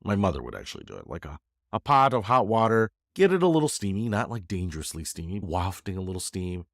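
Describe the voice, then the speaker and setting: A low-pitched man with a sing-song voice talks fast in a clean studio recording with no room sound. Congested from a head cold, the YouTuber gives viewers a casual, rambling channel update, joking and poking fun at himself.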